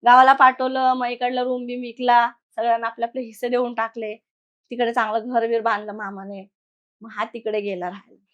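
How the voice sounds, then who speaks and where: A woman's voice: a little high, level tone, brisk, muffled recording. A young woman from Maharashtra telling a personal horror story conversationally, retelling events with quoted voices. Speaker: guest storyteller. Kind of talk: casual spoken horror story.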